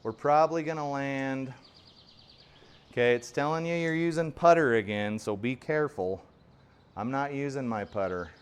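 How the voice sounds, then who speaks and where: A man in his forties chatting through a round in his home golf simulator. His voice is smooth and clear at a middling pitch, and he rambles along in a casual, self-deprecating way. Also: normal speed. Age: 40s. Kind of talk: casual play-along commentary.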